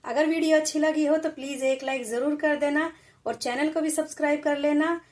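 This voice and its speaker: A woman teacher giving a reading lesson for children, sounding out words slowly and repeating each one. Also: high voice, fairly even intonation. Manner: addresses children as beta.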